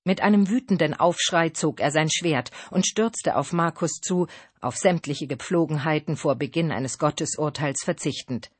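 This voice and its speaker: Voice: mid-range voice, no echo. Dry close audiobook narrator.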